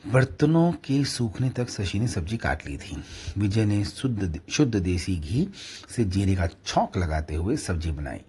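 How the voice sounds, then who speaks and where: A man narrating a story in a plain, steady manner. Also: fairly low pitch, unhurried, a little hiss or hum.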